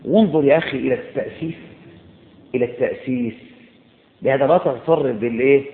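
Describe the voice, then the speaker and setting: A man with an Egyptian Arabic accent preaching a sermon, emphatic and repetitive, swinging between loud exhortation and low, intense tones. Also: fast. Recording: echoey, phone-like lo-fi recording.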